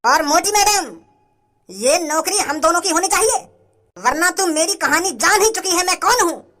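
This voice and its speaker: A boastful village thug swaggers through a cartoon, as a woman puts him on. He stammers, chuckles and brags, and the voice sits very high for a man. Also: lively intonation, moderate pace, fairly bright tone. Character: boastful rustic male village thug, grinning. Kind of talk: cartoon voice acting.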